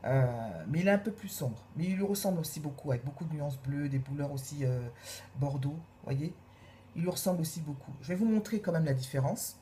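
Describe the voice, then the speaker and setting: A low, mellow-voiced woman chats through a makeup review, gushing and repeating her praise with plenty of hesitations. A faint hiss of background noise sits under her voice. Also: brisk. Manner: gushing, repeats praise words, many fillers. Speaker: beauty vlogger.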